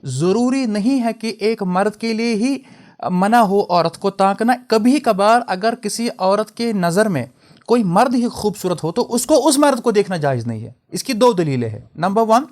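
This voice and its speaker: A man's voice: high voice, animated, a little mellow. A young man teaching an Islamic lesson, explaining terms carefully and slipping into English mid-sentence. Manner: spells out and contrasts word pronunciations. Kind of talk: religious lecture.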